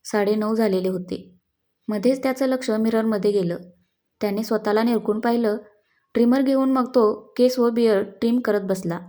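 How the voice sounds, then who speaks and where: Brief: female storyteller, slow calm narration, mellow tone. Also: a little high. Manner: slow, calm, even reading.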